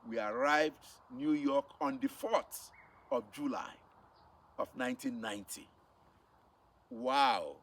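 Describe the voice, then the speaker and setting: Slowly and with frequent pauses, a middle-aged Nigerian-accented man tells his missionary testimony to camera, emphatic and repeating phrases for effect. His mid-range, creaky, fairly bright voice swings hugely in pitch. The mic is distant, and faint background noise is audible.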